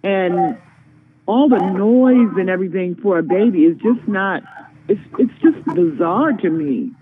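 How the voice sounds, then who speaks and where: A middle-aged woman calling into a show, giving her opinion earnestly with many pauses and ums. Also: mid-range voice, lively intonation. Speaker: caller. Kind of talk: call-in opinion. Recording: tinny phone line, crowd noise behind.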